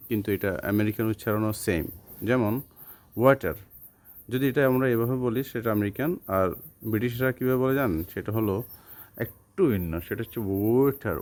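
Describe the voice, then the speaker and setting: A man from Bangladesh teaching English pronunciation to students, speaking slowly and carefully with hesitations. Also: lowish voice. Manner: slow, careful, with hesitations and demonstrated example words. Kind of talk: spoken lesson to students.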